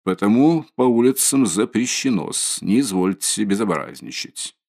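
A man's voice: on the low side, expressive, measured pace, a little mellow. A man reading an audiobook, voicing a stolid male street policeman who speaks in an officious, formal way.

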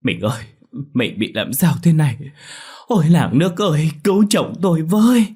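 A man's voice: lively intonation, normal speed, darkish tone, slightly rough. A man voicing an elderly wife begging for help for her sick husband, in a spoken story. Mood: panicked. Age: older. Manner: shrill, panicked pleading.

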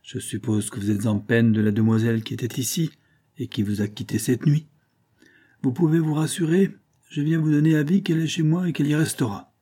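A man voicing a blunt, ironic old bearded peasant, speaking gruffly and plainly in an audiobook. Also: medium pitch, steady tone, fairly quick, dark tone, voice pushed up, natural voice. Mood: stern.

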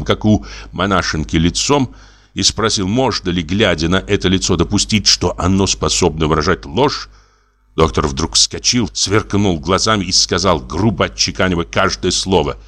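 A man narrating a classic short story as an audiobook, in a measured, deliberate reading. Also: sits low, a bit bright. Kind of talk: scripted literary narration.

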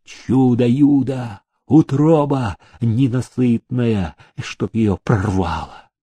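A man voicing a chatty, grumbling male factory worker with a low, drawn-out voice. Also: dark tone, breathy edge, no echo.

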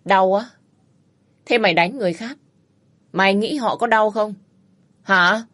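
A detached, cold-mannered man delivers dry, clipped remarks with quiet mockery, read by a woman narrator. He stays unhurried and firm in this storybook reading. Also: mid-range voice, close to an everyday voice. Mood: cool mocking. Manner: calm, dry, curt, mocking. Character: cool, aloof, protective wealthy man.

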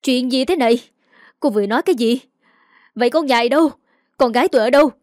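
A woman voicing a distraught middle-aged mother who pleads and shouts in a raised voice. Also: medium pitch, a little fast, no room sound, studio quality, close to an everyday voice. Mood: furious.

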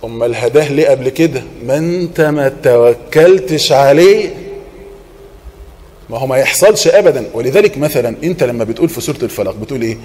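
Preaching an Islamic sermon in an Egyptian Arabic accent, a medium-pitched man raises rhetorical questions and answers them himself. He chants Quranic verses in a measured way, shifting between loud emphasis and gentle, murmured reassurance.

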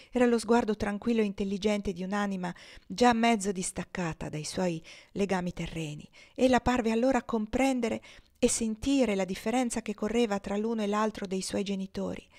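A woman reading a classic novel aloud in a measured, expressive audiobook style. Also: medium pitch. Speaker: audiobook reader.

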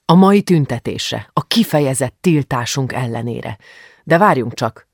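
Brief: male reader doing a protective, commanding father, gruff rumble, dry close sound. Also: lively intonation, dry recording. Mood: stern. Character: stern, angry middle-aged father, protective.

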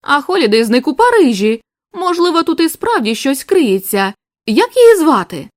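A woman's voice: high voice, big pitch swings, normal speed, dry recording, clean studio sound. A woman reading a drawling, skeptical American captain. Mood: curious. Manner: drawling, questioning.

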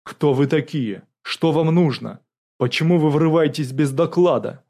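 A man's voice: on the high side, measured pace, a little mellow, voice pushed up. A man voicing a flustered male duty officer who protests in alarm. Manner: startled, protesting.

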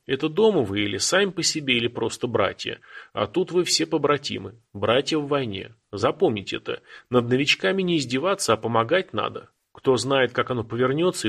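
A man reading an audiobook, playing a firm, decisive young Cossack leader who gives orders in a gravelly, husky voice. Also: medium pitch, fairly bright tone, heavily acted. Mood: commanding. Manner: firm, commanding.

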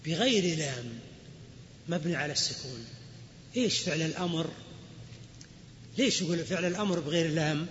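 A high-voiced man gives a grammar lecture in a large hall. He explains each rule and then quizzes his students. The recording is dull and lo-fi, with long reverb and a faint hiss. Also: expressive, a little fast, long pauses, a bit bright. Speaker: Islamic scholar teaching grammar. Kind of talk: classroom lecture.

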